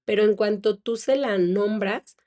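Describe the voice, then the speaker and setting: Warm-voiced woman reflecting on parenting. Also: medium pitch, fairly even intonation, measured pace. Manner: conversational, reflective, with soft laughs and fillers. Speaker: psychologist and podcast host. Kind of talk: casual monologue on parenting.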